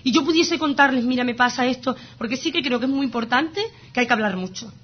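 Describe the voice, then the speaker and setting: Woman in her 30s talking fast and animated, highish voice, kinda dull lo-fi sound. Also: breathy edge. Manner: animated, emphatic storytelling. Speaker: guest sharing her illness story. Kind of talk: casual conversation.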